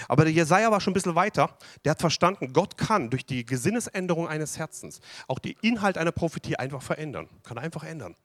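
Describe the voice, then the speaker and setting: A man preaching a sermon to a congregation, animated and asking them questions. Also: fairly high pitch, quick pace, few pauses, no room sound. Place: church hall with audience.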